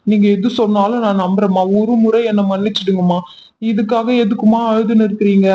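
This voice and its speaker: A man's voice: sits high, steady tone, fast talker, dull audio, slight background noise, close to an everyday voice. A man voicing a young adult son in a cartoon, pleading with his mother to forgive him. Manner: pleading, apologetic. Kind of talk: cartoon voice acting.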